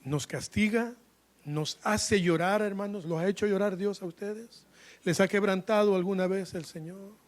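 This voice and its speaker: Male preacher, high-pitched, keeps addressing the brothers, swings from booming to hushed. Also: steady tone, normal speed. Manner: fervent preaching, constantly addressing the congregation as brothers; sweeping swings between loud and hushed. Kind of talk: sermon.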